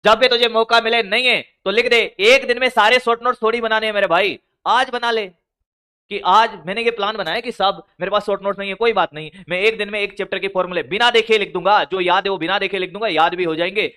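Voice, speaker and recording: A man's voice: sits high, fairly even intonation, fast talker, sharp tone, smooth. A male teacher giving blunt, scolding study advice to exam students, calling them brother and son. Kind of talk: motivational study advice lecture.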